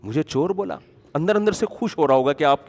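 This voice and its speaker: Male preacher, lively and emphatic in delivery, slightly high voice, lingering hall echo. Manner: animated, conversational, rising to emphatic peaks. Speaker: Islamic preacher. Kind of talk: storytelling sermon.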